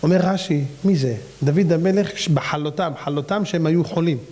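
A man, a rabbi, preaching a fiery sermon and firing off rhetorical questions with big swings in pitch. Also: darkish tone.

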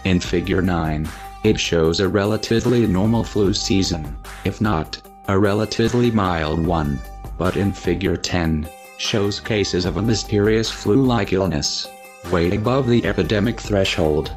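Disguised deep male voice, pitched down. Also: measured pace, faint music behind. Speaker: anonymous narrator. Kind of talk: scripted read-out statement.

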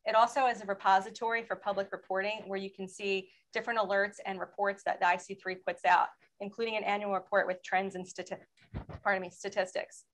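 A woman speaking as a panelist in a webinar presentation, explaining in a steady way and asking for slide changes. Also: medium pitch, brisk, poor audio. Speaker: federal law enforcement panelist.

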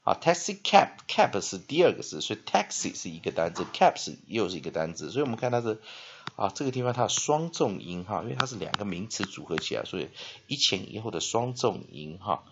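A man's voice: fairly low pitch, very animated, a little fast, lo-fi sound, a little hiss or hum. A male English teacher giving a spelling and phonics lesson. He reads dictionary entries aloud, then explains them with frequent "ah" and "ha" fillers.

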